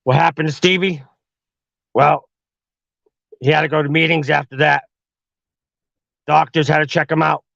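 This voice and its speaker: Gravelly guy telling a creepy story, swears a ton, slangy, dry close dull audio. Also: a little high, fairly even intonation, moderate pace, pauses often, fairly bright tone, no echo. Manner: profane, slangy. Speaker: podcast host. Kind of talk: crude horror storytelling.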